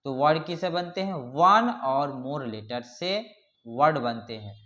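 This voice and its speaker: A man teaching a grammar lesson, slowly reading out English definitions word by word and often checking in with his class. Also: on the high side, expressive, a bit bright. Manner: slow explaining, reads English definitions word by word, repeats "ठीक है".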